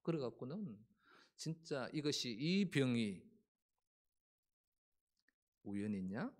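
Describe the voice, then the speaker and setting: A male pastor delivering a Sunday sermon, telling the story with acted voices and animated delivery. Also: medium pitch, slow pace.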